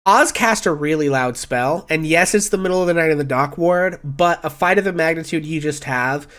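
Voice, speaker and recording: Male game master, fairly high voice, conversational and explanatory, casual tabletop narration. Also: moderate pace, fairly bright tone.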